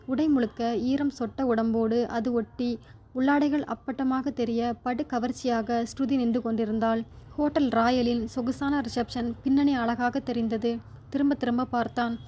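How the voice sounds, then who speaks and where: A woman narrates a story in a measured, dramatic way. Her voice sits fairly high yet sounds soft and mellow. It is a steady, scripted reading.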